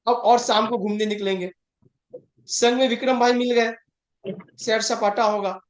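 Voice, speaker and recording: In a high, steady voice at normal speed, a man leads an astrology lesson like a conversation, driving points home and asking if everyone is following. He blends English terms into Hindi, recorded with a roomy echo.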